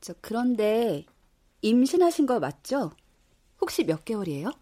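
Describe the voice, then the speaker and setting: An actress in her twenties playing a calm, matter-of-fact young neighbor. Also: a little high, normal speed. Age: 20s. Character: young upstairs neighbor, cool and offhand.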